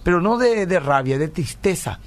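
A man's voice: sits high, expressive, moderate pace. Middle-aged man, radio pastor answering listeners, slightly raised voice, earnest storyteller. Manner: earnest storytelling, often asks "¿verdad?". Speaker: pastor and radio program host. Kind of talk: radio call-in talk, answering listener messages.

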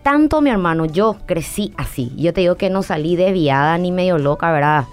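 A woman's voice: on the low side, lively intonation, normal speed. Woman psychologist, preachy and earnest, faint music behind. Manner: earnest, preachy, keeps saying "my brother". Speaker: psychologist guest. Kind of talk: interview on faith and parenting.

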